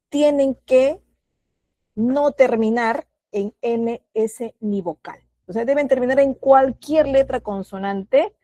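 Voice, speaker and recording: A middle-aged woman with a Peruvian Spanish accent leads an online class over a video call. Her voice is mellow and dry, and she keeps asking the group questions and naming students as they answer. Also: fairly high pitch, no room sound. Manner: patient, questioning, calls on students by name. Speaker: teacher.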